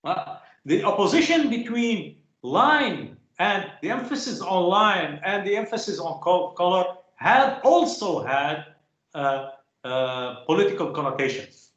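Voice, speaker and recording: Halting male lecturer in an echoey room. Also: high voice, very animated, a bit bright, lo-fi sound. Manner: halting, many filler sounds, rhetorical "huh?" checks. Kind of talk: academic lecture.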